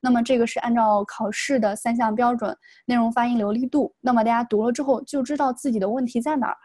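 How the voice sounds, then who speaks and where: A woman's voice: fairly high pitch, fairly even intonation, warm tone, no echo. A woman, teaching an online exam-prep lesson in a patient, explanatory way. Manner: patient, explanatory, models English words slowly. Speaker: English test tutor.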